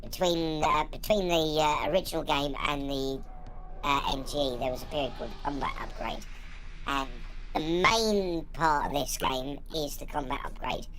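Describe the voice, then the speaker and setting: A woman's voice: deep voice, normal speed. A woman chatting casually with viewers as a game streamer on a live stream. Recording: loud noise behind the voice.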